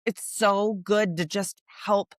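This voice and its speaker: A woman in her forties, a portrait photographer, talking in a casual interview and lively acting out her clients' excited reactions. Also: medium pitch, takes it slowly, no echo, studio quality.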